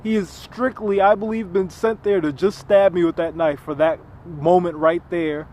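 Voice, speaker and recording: A man's voice: high voice, steady tone, moderate pace, darkish tone. A man talking through his own story in an earnest, rambling monologue, often restarting and repeating words. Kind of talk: unscripted personal monologue.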